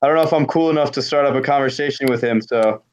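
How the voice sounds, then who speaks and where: A young man on a casual group video call, joking about himself with dry deadpan asides. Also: medium pitch, fast, dull audio. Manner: dry, self-mocking. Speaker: guest.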